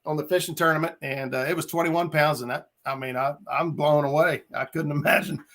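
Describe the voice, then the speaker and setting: A man's voice: fairly high pitch, fairly even intonation, brisk, a bit bright. A man hosting a casual fishing chat show, talking in a friendly, filler-heavy way and greeting viewers by name. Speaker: podcast host.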